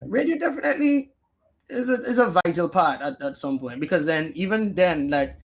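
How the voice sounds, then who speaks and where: A man, a guest DJ telling stories in a casual podcast interview, animated and slangy. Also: fairly high pitch, normal speed. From Antigua. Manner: animated storyteller, slangy, acts out his own past lines. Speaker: guest DJ and producer.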